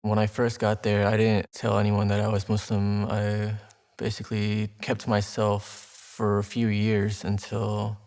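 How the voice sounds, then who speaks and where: Young man, low voice, very flat delivery, earnest documentary interview, texas-raised navy vet. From Texas, United States. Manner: earnest, measured, with small restarts. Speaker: Navy veteran.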